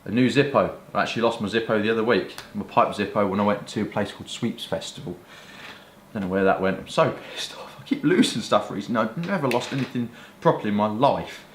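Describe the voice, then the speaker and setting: This British man talks fast in a lowish voice, rambling casually to camera like a hobby vlogger. He's showing his pipes and tobacco, speaking colloquially with a touch of mild swearing. Faint background noise sits under a roomy echo.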